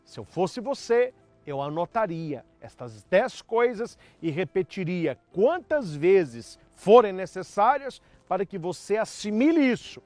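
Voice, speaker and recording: A man's voice: high-pitched, big pitch swings, a little slow, darkish tone, no echo, faint music behind. A man preaching as a priest, delivering an emphatic sermon with acted-out quotes. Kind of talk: sermon on marriage.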